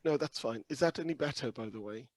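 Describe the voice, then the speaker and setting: A man with a croaky, hoarse voice presenting a webinar over a video call in a humble, hesitant, explanatory way. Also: mid-range voice, fast. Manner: humble, hesitant, softly hedging. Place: video call with screen sharing.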